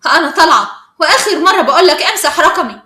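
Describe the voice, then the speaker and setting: A woman's voice: high-pitched, lively intonation, fast talker, bright, forceful tone, echoey room. A woman with an Egyptian accent voicing a firm, principled teenage schoolgirl who answers in a curt, indignant way. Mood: annoyed. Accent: Egyptian Arabic.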